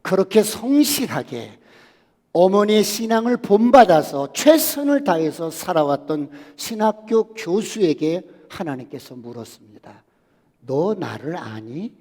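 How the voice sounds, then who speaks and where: High-voiced male pastor preaching. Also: big pitch swings, unhurried, darkish tone. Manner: storytelling, rising to emphatic appeals. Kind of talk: sermon. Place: church sanctuary. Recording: long church reverb.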